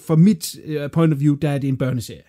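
Mellow man, swearing podcast co-host. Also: a little high, steady tone. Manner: loose, swearing, talks over his partner. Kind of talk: casual film review chat.

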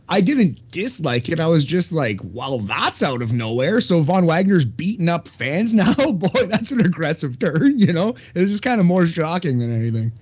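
A man's voice: sits high, a little mellow, breathy edge, dull audio. A man co-hosting a casual wrestling podcast, talking in an easygoing, rambling way. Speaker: podcast co-host. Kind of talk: casual wrestling recap chat.

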